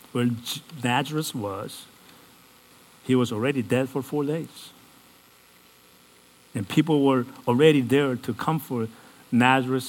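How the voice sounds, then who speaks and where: A man's voice: medium pitch, rough recording. A man preaching a sermon. He keeps asking the congregation questions and acts out Bible characters in casual modern speech.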